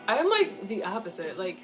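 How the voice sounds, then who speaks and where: A woman's voice: medium pitch, poor audio. Giggly, foul-mouthed young woman chatting. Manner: candid, swears a lot, giggles often. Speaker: streamer answering viewer chat. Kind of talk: casual livestream chat.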